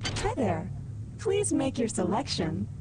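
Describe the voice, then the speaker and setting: A woman's voice: a little high, sing-song, slow pace, background noise. A woman voicing a polite automated vending machine in a video game, with courteous canned prompts.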